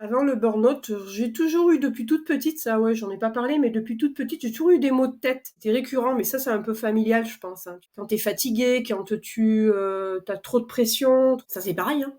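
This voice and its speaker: A middle-aged French woman telling her own story in a chatty, animated way, acting out conversations with many fillers. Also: a little high, fairly quick, hardly any pauses, soft background music. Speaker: customer testimonial speaker. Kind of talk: personal testimony, casual storytelling.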